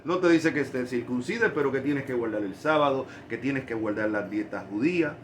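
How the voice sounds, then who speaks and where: A man's voice: mid-range voice, animated, normal speed, slight background noise. Emphatic Puerto Rican male preacher. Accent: Puerto Rican Spanish. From Puerto Rico. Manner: emphatic, rising on key points. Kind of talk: sermon.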